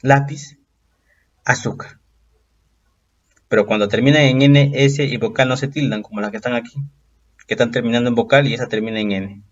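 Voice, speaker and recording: A man teaching a recorded exam-prep lesson, patiently explaining step by step and drawing out example words slowly. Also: mid-range voice, steady tone, lo-fi sound.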